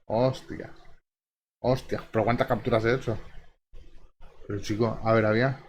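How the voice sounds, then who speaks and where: A man's voice: fairly low pitch, steady tone, moderate pace, slight background noise. A young man with an accent from Spain, commenting on a game in a rambling, chatty, easily flustered way. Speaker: gaming streamer. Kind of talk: casual live commentary. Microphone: close desk mic.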